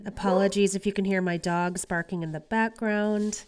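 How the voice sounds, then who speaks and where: A woman recovering from a cold guides a yoga class in a mid-range, darkish voice with fairly even intonation and a moderate pace. Her manner is easygoing and reassuring.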